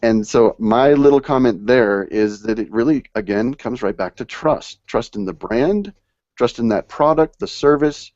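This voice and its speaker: A man's voice: mid-range voice, lively intonation, measured pace, darkish tone, no room sound, muffled recording. A man hosting a live online panel discussion, reading passages aloud and stressing key words. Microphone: video call.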